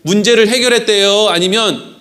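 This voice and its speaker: A man's voice: sits high, normal speed, sharp tone. A male pastor preaching a sermon, who keeps asking his congregation questions and answering them himself. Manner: acts out quoted prayers in a raised voice.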